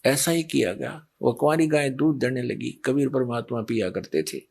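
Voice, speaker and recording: A man's voice: mid-range voice, moderate pace, creaky, darkish tone, slightly rough. An older man preaching a Hindi religious sermon, posing rhetorical questions and answering them himself.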